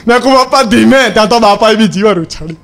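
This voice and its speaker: A man's voice: sits high, animated, fast, gravelly, fairly bright tone. A male stand-up comedian telling a comic monologue in character as a cheeky schoolboy, acting out the other people's lines as he goes.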